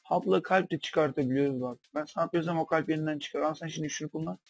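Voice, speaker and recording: A young man giving comedic commentary over a game, bantering in a mock-doctor way with sudden loud outbursts. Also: on the high side, fairly even intonation, fast, creaky, no echo. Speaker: gameplay commentator.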